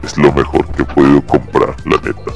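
Mexican man, demonic voice filter pushing his voice ultra low, loose slangy gaming banter. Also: completely flat delivery, brisk, gravelly, soft background music. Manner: slangy, swearing, joking banter. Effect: demonic voice-changer filter, very deep. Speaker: gamer. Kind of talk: casual gaming chat with a friend.

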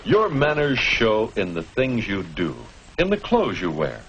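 His lowish, fairly bright voice swings hugely in pitch as he narrates at a measured pace. It's an instructive 1950s educational film in which he asks the viewer rhetorical questions, heard over a noisy vintage soundtrack.

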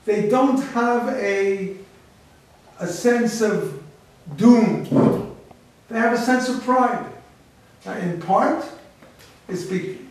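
Man, rabbi, public lecture, high voice, unhurried, emphatic. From United States. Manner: emphatic, rhetorical questions. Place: large echoey library hall. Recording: echoey hall from far off.

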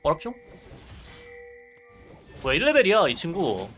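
A man's voice: a little high, huge pitch swings, a little slow, a bit bright, faint music behind. A man livestreaming casual gameplay commentary, reacting in short muttered exclamations and asides into a close mic.

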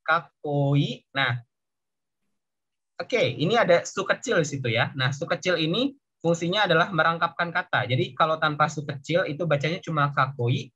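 A man's voice: fairly high pitch, moderate pace, pushed and bright, slightly rough. A man mentoring an online Japanese class, explaining patiently in a casual way and ending his sentences with a questioning tag. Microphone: video call. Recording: dull lo-fi video call audio.

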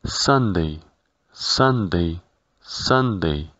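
A man with a very low voice narrates a scripted language lesson at a slow, deliberate pace. He repeats each word carefully. The recording is dry and a bit dull and lo-fi. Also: expressive, fairly bright tone, dry recording. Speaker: language teacher.

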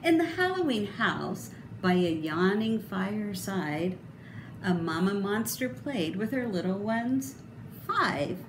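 A middle-aged woman reads a children's picture book aloud with theatrical, emphatic, sing-song expression, taking it slowly in a very animated, medium-pitched voice. She is in an indoor room, and the recording has a roomy echo with clearly audible background noise.

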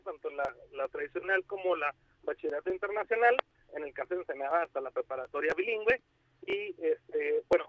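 A Mexican man being interviewed by telephone, speaking haltingly with many restarts and fillers. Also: fairly high pitch, no room sound. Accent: Mexican Spanish. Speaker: university outreach coordinator, interview guest. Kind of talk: phone interview on radio. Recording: muffled dry phone line.

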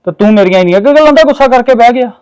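A man's voice: very high-pitched, expressive, rapid-fire, a little mellow, clear, resonant tone. A man playing a fatherly elder brother who lectures his younger brother in a family drama. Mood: reproachful. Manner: reproachful, lecturing. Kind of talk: Punjabi family drama acting.

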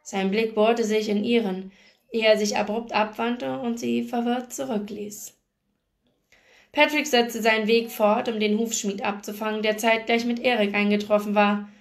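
A woman with a fairly high voice reads a novel aloud, steady and expressive. Her narration moves evenly from line to line. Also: moderate pace, vocal fry. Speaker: book reader.

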